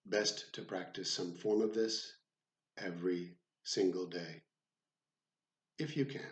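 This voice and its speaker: A psychotherapist with a low voice guides a body scan meditation, speaking very slowly and deliberately in short phrases with frequent pauses and fairly even intonation. He's in a room with the door left open, and the sound is roomy with a clear echo around his voice.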